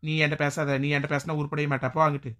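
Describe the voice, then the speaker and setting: A woman playing a feisty, quick-tempered village woman in a skit. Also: sits low, flat delivery, close to an everyday voice. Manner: brash, bossy.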